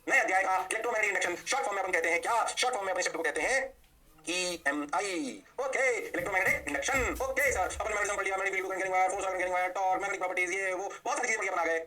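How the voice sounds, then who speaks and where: Fast-talking, bright-voiced male physics teacher. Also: sits high. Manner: rapid, animated, mixing English terms into Hindi; answers himself in a student's voice. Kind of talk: recorded online lecture. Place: quiet recording studio.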